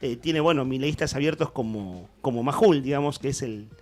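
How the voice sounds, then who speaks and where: With faint music behind him, an Argentine-accented man hosts a morning radio program from a studio at normal speed and medium pitch. His news commentary rambles, full of restarts.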